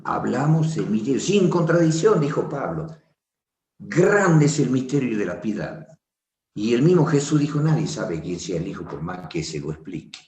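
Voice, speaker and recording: A man teaching a Bible study class, animated and preacherly, often turning to his listeners. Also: fairly low pitch. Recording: roomy echo.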